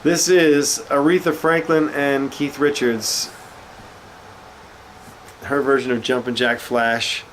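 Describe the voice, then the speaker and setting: Slow and full of long pauses, this medium-pitched man shows off his records in a laid-back, filler-laden chat. He has a cold, so he sounds a bit nasal and keeps sniffling, and a slight hiss or hum runs underneath.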